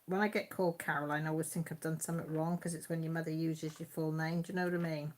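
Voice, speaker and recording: Speaking quickly in a deep voice with fairly little pitch movement, a woman with a Mid Wales Radnorshire accent hosts an easygoing live chat on her YouTube channel. She reads comments aloud and laughs frequently, her tone chatty and homely.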